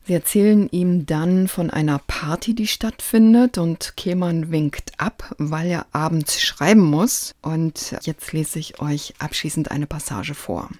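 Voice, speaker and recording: A woman presenting a scripted book review in a measured, articulate way. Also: low-pitched, steady tone, a little mellow, dry recording, clean studio sound.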